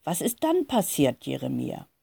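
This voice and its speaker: A woman voicing a caring mother who speaks gently to her children in a storybook reading. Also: sits low, huge pitch swings, normal speed, creaky, slightly rough, dry recording, full character voice. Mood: gentle. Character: caring mother of a farming family.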